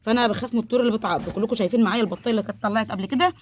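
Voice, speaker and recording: Egyptian woman poultry vlogger, rapid, chatty, pious asides, faint bird noise. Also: a little high. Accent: Egyptian Arabic. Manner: chatty, devout, sprinkles blessings; nervous, laughing while handling a biting duck. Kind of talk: casual vlog, talking to viewers. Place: poultry coop, indoors. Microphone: phone held while filming.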